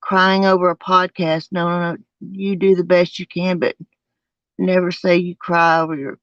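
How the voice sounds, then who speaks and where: A person with a twangy Southern US accent, chatting casually to a livestream, haltingly and with repeated phrases. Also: medium pitch, level tone, fairly bright tone, no room sound. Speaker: livestream host. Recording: dull lo-fi sound.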